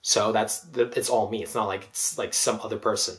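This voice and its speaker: A man's voice: fairly low pitch, fairly even intonation, a little fast, fairly bright tone. A man giving casual reaction commentary as a dating coach, rambling with many fillers and frequent swearing.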